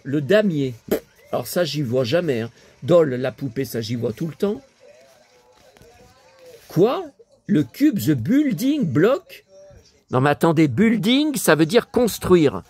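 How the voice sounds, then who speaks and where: Slow, lively-toned older man. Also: a little high, husky. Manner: chatty, musing aloud, reading English words in a French way. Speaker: vlogger. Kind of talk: casual chat while leafing through a book.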